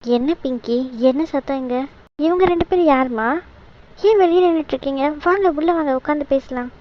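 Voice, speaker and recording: A woman voicing a gentle, reassuring middle-aged mother in a cartoon series. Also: high voice, a little fast, highs cut off, a little hiss or hum, close to an everyday voice. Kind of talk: cartoon web series dialogue.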